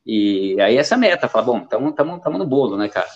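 A man's voice: medium pitch, very animated, fast talker. A Brazilian man in his fifties, an amateur runner chatting casually as an interview guest and telling rambling stories. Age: 50s. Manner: rambling, storytelling, many fillers. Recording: dull lo-fi sound.

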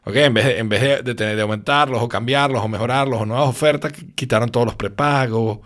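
In casual podcast conversation, a sleepy Venezuelan host with a Venezuelan Spanish accent spins a rambling tale dotted with tag questions. He talks quickly in a medium-pitched voice with a fairly bright tone.

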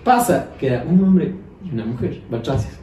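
Un hombre joven con acento ecuatoriano que charla de forma informal y animada, con mucha jerga. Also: male voice, fairly high pitch, a little fast. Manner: animated, slangy, laughs through his stories. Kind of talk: casual chat, storytelling. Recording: roomy echo, distant mic, faint noise.

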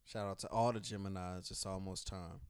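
A man hosting a podcast, chatting casually and profanely while giving shout-outs close to the mic. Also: low voice, flat delivery, clear, resonant tone. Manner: profane, laid-back, drawn-out shout-outs. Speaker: podcast host.

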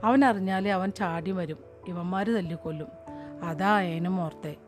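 A woman voicing an older, motherly farmworker who speaks in a hushed, worried, pleading way. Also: lowish voice, a little slow, music in the background, natural voice. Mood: anxious pleading.

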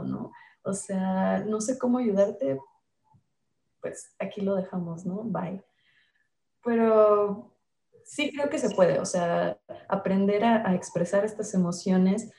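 A young Mexican woman talking casually about emotions, animated and acting out the voices she quotes. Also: mid-range voice, roomy sound. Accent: Mexican Spanish.

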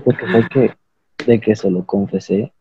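A man's voice: lowish voice, steady tone, measured pace, warm tone, muffled recording, a little hiss or hum. A young man with a Mexican accent telling a rambling, slangy, self-mocking story to friends on a call.

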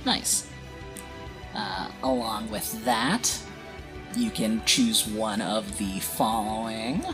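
Unhurried man narrating a tabletop game. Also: on the low side, fairly even intonation. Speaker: game master. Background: guitar music.

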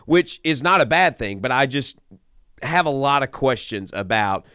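A man's voice: medium pitch, expressive, normal speed, pushed and bright, smooth, no echo, studio quality. An American man hosting a sports radio show, talking casually and emphatically, repeating points for stress. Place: radio studio.

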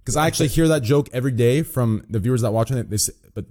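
A man's voice: mid-range voice, fast talker, darkish tone. A young man livestreaming, chatting casually like a hyped gamer bro, with lots of slang and swearing. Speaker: live streamer.

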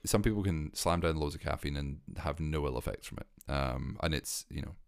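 A man hosting a casual chat, asking questions and explaining things in a relaxed way. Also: a bass voice, moderate pace, vocal fry, clear, resonant tone, no echo, studio quality.

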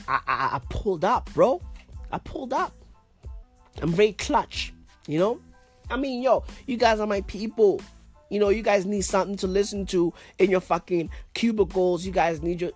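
Slow-talking congested man, slangy and sweary. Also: high-pitched. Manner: slangy, heavy swearing, repeats himself. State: congested, blocked-up nose and sinuses. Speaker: podcast host. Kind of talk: casual solo podcast monologue. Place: in his bed.

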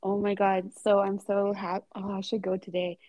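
A woman's voice: mid-range voice, completely flat delivery, normal speed, mellow, dry recording. A woman hosting a casual podcast chat, giggly and full of "like" and "oh my God". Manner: chatty, giggly, lots of "like" and "oh my God". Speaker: podcast host.

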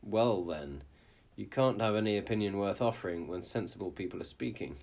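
A man's voice: lowish voice, expressive, fairly quick, vocal fry, darkish tone. A man reading a story aloud and voicing a smug tomcat who talks down to others. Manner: condescending. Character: smug tomcat, master of the house.

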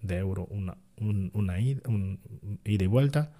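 A man's voice: lowish voice, normal speed, mellow. A man, an online seller talking to his channel in a casual, rambling way that often stops to correct himself. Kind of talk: casual vlog monologue.

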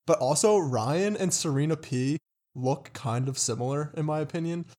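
A man's voice: a little high, moderate pace, dark tone. Wry man sharing opinions casually. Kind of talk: casual chat.

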